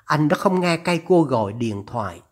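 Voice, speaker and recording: An audiobook narrator reading a novel in a steady, measured way. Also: medium pitch, breathy edge. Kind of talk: scripted narration.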